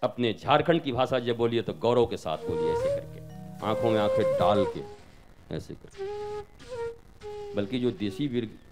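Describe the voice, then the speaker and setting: A man giving a religious discourse as a spiritual teacher, talking in an animated way, mimicking other people and swinging between soft and loud. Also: mid-range voice, unhurried, long pauses, loud music behind the voice.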